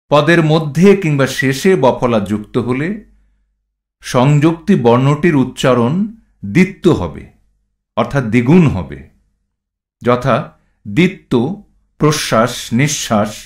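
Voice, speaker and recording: A man teaching standard pronunciation, reading rules and example words one at a time in a measured recitation. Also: medium pitch. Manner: measured, reads rules and word lists one item at a time. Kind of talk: slow instructional recitation.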